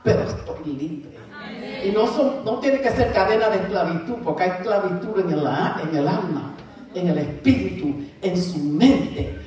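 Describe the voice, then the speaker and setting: A woman's voice: lowish voice, a little mellow. A middle-aged woman giving a fervent church testimony, laughing often and slipping into English phrases. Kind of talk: preaching testimony. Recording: echoey hall from far off.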